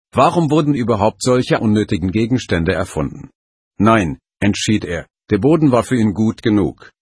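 A man reading an audiobook in slow, even storytelling narration. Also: lowish voice, breathy edge, dry recording, studio quality. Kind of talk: scripted narration.

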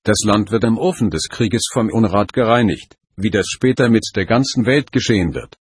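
A man voicing an old, wise lama mentor who speaks calmly and gravely. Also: lowish voice, no echo. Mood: sad. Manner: calm, slow, grave.

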